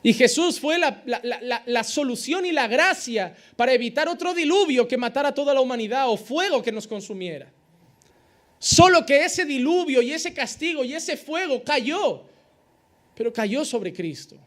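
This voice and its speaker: A man preaching a sermon as pastor, swinging between loud emphatic rises and quiet drops, with rhetorical questions and acted-out exchanges. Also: very high voice, animated, normal speed.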